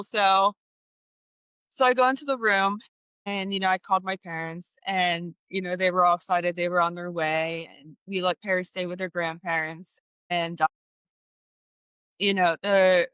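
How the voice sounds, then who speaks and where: A woman's voice: lowish voice, clean tone, no echo, muffled recording. A woman in her thirties, a podcast guest, sharing candid stories with frequent laughs and restarts. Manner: animated, laughing, many restarts. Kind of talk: candid storytelling chat.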